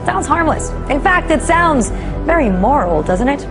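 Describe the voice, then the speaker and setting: A woman's voice: high-pitched, big pitch swings, moderate pace. A woman hosting scripted news commentary in a pointed, emphatic, rhetorical way. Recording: music bed under the voice.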